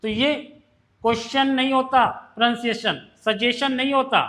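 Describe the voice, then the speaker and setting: High-voiced shorthand teacher. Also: male voice, steady tone, normal speed, fairly bright tone. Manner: explains step by step, asks students questions. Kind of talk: classroom lesson.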